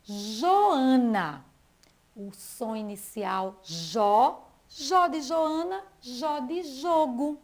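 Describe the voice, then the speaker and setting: Slow, lively Brazilian woman teacher. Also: high voice. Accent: Brazilian Portuguese. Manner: slow, lively, stretches out names and syllables. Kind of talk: school TV lesson for young children.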